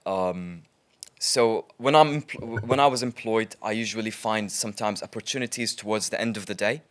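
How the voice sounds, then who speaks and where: Male trader guest with a lowish voice, chatty and lively in casual conversation. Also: moderate pace. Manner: chatty, lively storytelling with frequent ums. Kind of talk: casual interview storytelling.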